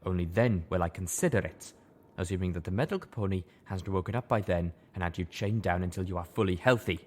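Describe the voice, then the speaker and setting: Reading a fantasy audiobook, a man gives a low-pitched performance as a serious female zebra healer. His delivery is hushed, solemn, flat, and measured, making her seem calm, blunt, and firm.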